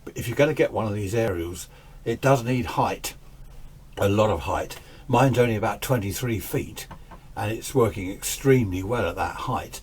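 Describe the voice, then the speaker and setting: A middle-aged man, an amateur radio hobbyist and host, gives a casual, chatty, self-deprecating hands-on demonstration indoors in his home radio shack. His voice is lowish and darkish with a breathy edge, at a moderate pace. The camera's built-in microphone adds hiss and background noise, with faint radio hiss and static behind him.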